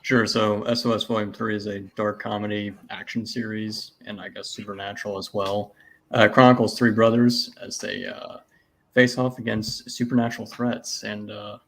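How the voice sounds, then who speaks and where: Gravelly deadpan male guest. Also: lowish voice, normal speed, slight background noise. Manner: deadpan monotone, dry humor. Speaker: guest writer. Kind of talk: casual chat.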